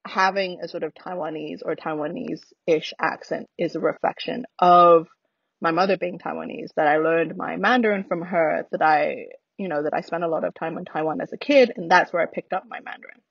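A woman's voice: fairly low pitch, fairly even intonation, brisk, creaky, husky, no echo, highs cut off. A woman with an American accent influenced by years in Britain, chatting casually and reflectively in thoughtful, hesitant phrases. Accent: American with British influence. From United States.

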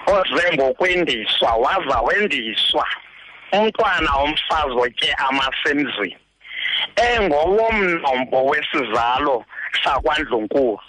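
A man's voice: on the high side, sharp tone, poor audio. A man with a Xhosa accent, explaining traditional custom as a guest expert on talk radio.

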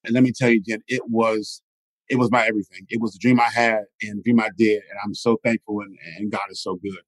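A middle-aged man telling his life stories in an interview as a motivational speaker, animated and often asking "right?". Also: on the low side, fast, no echo, poor audio. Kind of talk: storytelling interview.

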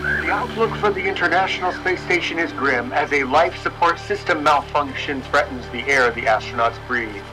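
A man acting as a grave radio newsreader, delivering a formal, measured bulletin in an audio drama. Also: a little high, over music, natural voice, rough recording. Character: grave radio newsreader reporting a space emergency.

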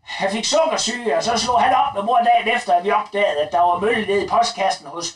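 A man plays a coarse, bossy mother who rambles on, swears freely and keeps calling herself mum. Her voice sits extremely high, and it comes from a distance in a roomy space. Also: close to an everyday voice. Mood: rambling. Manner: crude, rambling, talks about herself as "mor". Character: crude gossipy middle-aged mother, bossy and blunt. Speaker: sketch actor.

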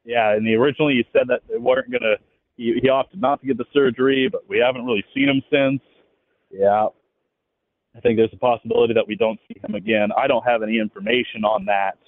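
Phone-quality male radio guest, a sports writer talking quickly and casually. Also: mid-range voice. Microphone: phone call into radio show. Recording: tinny narrow phone line.

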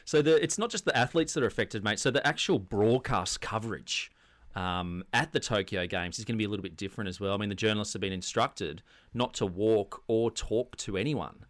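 A man with a broad Australian accent and a fairly low voice co-hosts a comedy show. His casual satirical banter is deadpan and mock-serious. The recording is dry and close. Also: a little fast, no echo. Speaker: comedy podcast co-host. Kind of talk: casual satirical banter about sports news.

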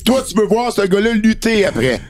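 Quebec guy cohosting a podcast, goofy banter, kinda high voice. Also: very animated, normal speed. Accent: Quebec French. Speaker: podcast co-host. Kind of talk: casual chat.

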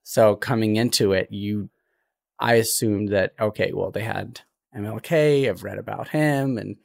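A young adult man from Ethiopia, a podcast guest talking in an earnest, reflective way with frequent pauses. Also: fairly low pitch, gravelly, a little mellow. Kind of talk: conversational interview.

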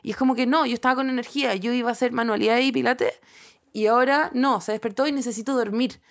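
A Chilean woman in her thirties co-hosting a casual chat, telling stories in an animated, laughing way. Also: a little high, quick pace. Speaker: podcast co-host.

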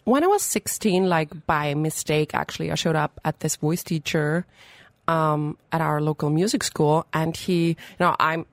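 Bubbly Austrian woman, low-pitched and dry. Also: normal speed, no echo. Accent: Austrian German. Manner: bubbly, chatty, many fillers. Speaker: opera singer guest. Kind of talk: casual radio interview. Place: radio studio.

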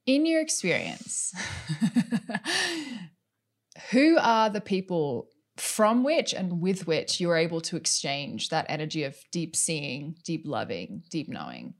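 A woman's voice: low voice, sing-song, slow pace. Chatty woman podcast host. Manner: chatty, filler-heavy, casual swearing. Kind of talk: casual conversational interview.

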